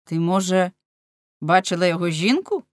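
A woman's voice: fairly low pitch, lively intonation, normal speed, no room sound, lightly acted. A woman reading the part of a bold, teasing young man in an audiobook, in a forthright manner.

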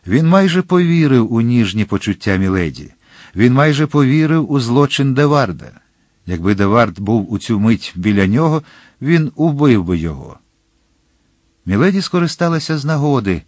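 A man narrating a classic novel as an audiobook in a measured, expressive reading. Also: lowish voice, dry recording, studio quality.

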